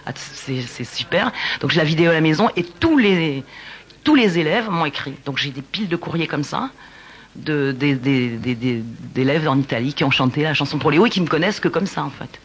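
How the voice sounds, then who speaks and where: A woman singer-songwriter telling stories in a casual radio interview, talking in an animated, halting way with many restarts. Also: low-pitched, husky.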